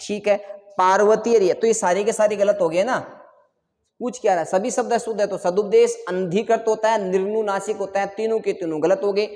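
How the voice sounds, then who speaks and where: A man's voice: high voice, steady tone, brisk, darkish tone, big-room sound. A male teacher giving an online exam-prep lesson, repeating answers and quizzing his students again and again.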